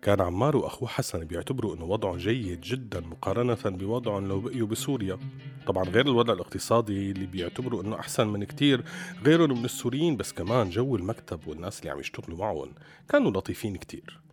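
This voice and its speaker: A man's voice: lowish voice, expressive, rapid-fire. A man with a Syrian Arabic accent narrating a scripted story as a storyteller. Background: music behind the voice.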